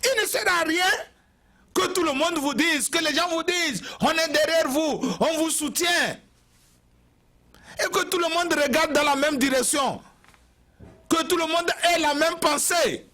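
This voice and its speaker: A man's voice: very high-pitched, normal speed, pushed and bright. A man from Togo, giving an impassioned TV address and repeating phrases for emphasis. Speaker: TV commentator.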